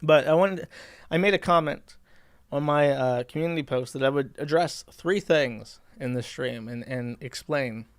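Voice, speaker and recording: A man hosting a stream talks through a long, sardonic, rambling monologue and often restarts his sentences. His voice sits a little high, and it is recorded dry and close, with no room sound. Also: moderate pace, no echo. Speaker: streamer host. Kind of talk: monologue commentary.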